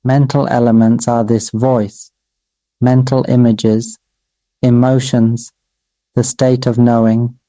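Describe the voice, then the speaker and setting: Almost level in pitch, with little movement at all, the very dark, mellow voice of a Buddhist monk carries a dharma sermon in slow, measured, incantation-like repetitions. He refers to his own voice as "Mister Voice," and the audio is close and dry with no echo.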